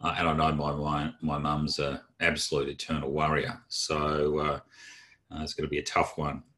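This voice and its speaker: A man's voice: a bass voice, completely flat delivery, normal speed, pushed and bright. A man giving a casual, rambling talk to a group of financial professionals, open and chatty, with lots of fillers and restarts. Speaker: presenter of a training session for advisers.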